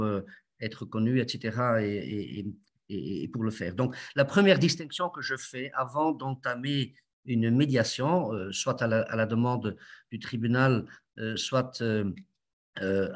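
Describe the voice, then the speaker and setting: Man, mid-pitched, guest expert, halting delivery with frequent "euh"s, explains step by step. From Belgium. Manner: halting, many fillers and restarts, explains step by step. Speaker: guest lawyer and mediator. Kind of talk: explanatory interview answers.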